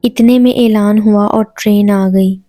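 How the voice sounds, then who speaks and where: A woman's voice: medium pitch, steady tone, warm tone, dry recording, soft background music. Woman reading an audio story evenly. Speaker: story narrator. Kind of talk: first-person audio story narration.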